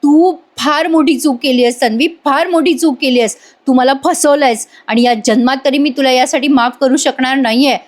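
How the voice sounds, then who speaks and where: A woman's voice: sits high, normal speed, few pauses, close to an everyday voice. A woman voicing a heartbroken young husband who accuses his wife through tears. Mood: anguished.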